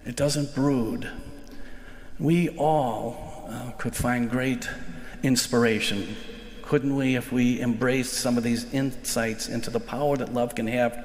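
Preaching in a large church sanctuary, this older American priest speaks in a medium-pitched voice with fairly even intonation, earnest and reflective, slowing to emphasize key phrases. He uses a lectern mic, and the church livestream carries heavy echo and long reverb.

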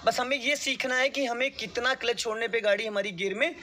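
A driving instructor with an extremely high-pitched voice guides a learner through each step from inside the car, talking a little fast. He's patient and repetitive, with some gentle teasing.

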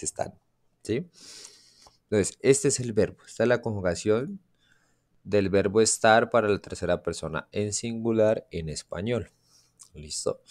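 A man teaching a class, explaining grammar and constantly asking his students questions to check they follow. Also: on the low side. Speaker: English teacher. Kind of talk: classroom lesson.

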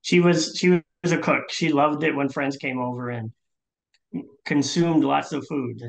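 A middle-aged man from Minnesota, a leadership coach, speaking as a guest over a video call from his home office, relaxed and reflective with many fillers. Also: fairly high pitch, measured pace, creaky. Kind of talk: casual interview.

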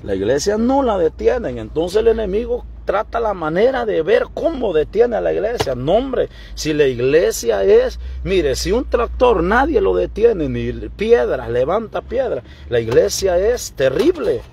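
A man preaching a lively, joking sermon as a pastor, now and then singing snatches of hymns. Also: high-pitched, unhurried, creaky, few pauses, highs cut off, a little hiss or hum. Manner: animated, joking, sings snatches. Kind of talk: lively live-stream sermon.

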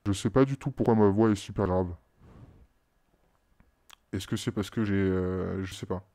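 A male streamer with a French accent, chatting casually on a live stream and muttering to himself with halting restarts. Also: sits low, steady tone, warm tone.

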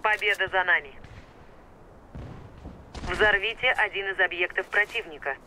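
A high, bright military announcer from a shooter game. He delivers clipped, commanding scripted updates over faint gunfire. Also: unhurried, a little hiss or hum, exaggerated voice, low-quality recording. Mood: official, urgent. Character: military match announcer calling round results and orders.

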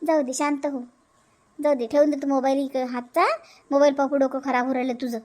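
A woman voicing a calm elder sister-in-law in a cartoon, soothing and advising in a Vidarbha Marathi accent. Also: sits high, brisk, lightly acted.

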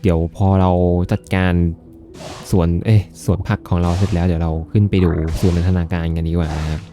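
Low-voiced man doing game commentary. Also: fairly even intonation, a little fast, warm tone, soft background music. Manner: chatty and jokey, polite sentence endings. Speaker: gaming video host. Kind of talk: casual let's-play commentary.

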